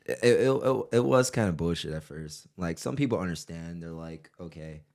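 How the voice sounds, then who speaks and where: A very deep-voiced man chatting casually on a podcast. He tells stories with energy and swears freely. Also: normal speed, creaky. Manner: animated storyteller, swears freely. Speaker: podcast co-host. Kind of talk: casual chat.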